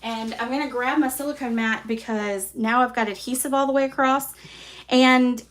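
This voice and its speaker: A woman with a Southern accent hosting a live card-making class, chatty and relaxed, poking fun at herself. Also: fairly high pitch. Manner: chatty, relaxed, self-deprecating. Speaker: craft class host.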